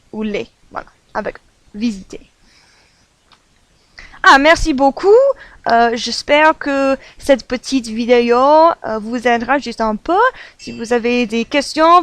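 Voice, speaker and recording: A woman teaching French as a lesson, patient and repetitive, often filling pauses with hesitations. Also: on the high side, fairly bright tone, no room sound. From United States. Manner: patient, repeats examples, fills with "voilà" and "euh".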